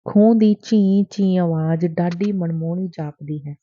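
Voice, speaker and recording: A woman narrating a novel as an audiobook in a measured, steady reading voice. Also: lowish voice. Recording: dry, tinny phone-like sound.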